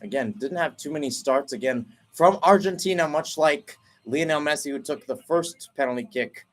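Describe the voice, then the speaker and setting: An excited young radio play-by-play announcer calls a penalty shootout from home, not the stadium. He speaks at normal speed but energetically, jumping in pitch and volume with each kick.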